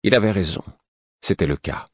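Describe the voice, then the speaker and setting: Man narrating an audiobook, very low voice, calm, dry close recording. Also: fairly quick, breathy edge, no room sound. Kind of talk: scripted first-person narration.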